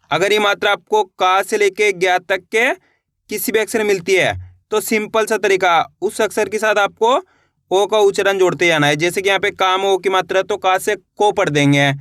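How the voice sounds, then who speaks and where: A man teaching Hindi reading, spelling words out syllable by syllable in a patient, repetitive way and often asking if it is clear. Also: high voice, fairly bright tone, dry recording, studio quality. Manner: patient, repeats syllables and asks checking questions. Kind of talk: slow instructional explanation.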